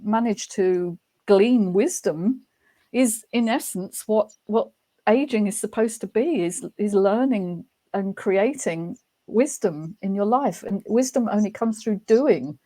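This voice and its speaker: A woman, a guest author speaking thoughtfully in a relaxed interview, often pausing and restarting her sentences. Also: medium pitch. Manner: thoughtful, hesitant, many restarts. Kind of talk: casual interview chat.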